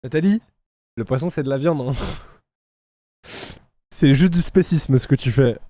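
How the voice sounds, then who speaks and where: A man's voice: mid-range voice, mellow. A man commenting casually and mockingly on a reality show during a live stream. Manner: mocking, chatty, quick to laugh.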